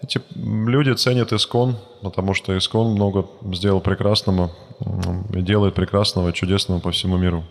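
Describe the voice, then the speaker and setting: Deep-voiced male interpreter in a hall. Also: steady tone, brisk. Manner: hesitant, many fillers and restarts. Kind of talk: consecutive interpreting of a lecture. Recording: long hall reverb.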